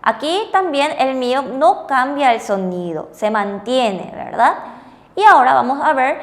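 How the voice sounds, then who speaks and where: Woman teaching a lesson, high voice, keeps asking if you got it. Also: expressive, a little slow, in a large hall. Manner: patient, checks understanding with frequent rhetorical questions. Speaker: Korean language teacher. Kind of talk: bilingual classroom lesson on TV.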